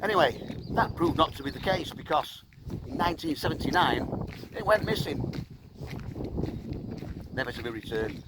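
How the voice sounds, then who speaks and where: A man's voice: fairly high pitch, expressive, moderate pace, long pauses, heavy background noise. A man narrating a casual outdoor walking vlog like an informal guide, musing to camera in short phrases. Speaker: hiking vlogger and walking guide. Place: outdoors on open, boggy island moorland.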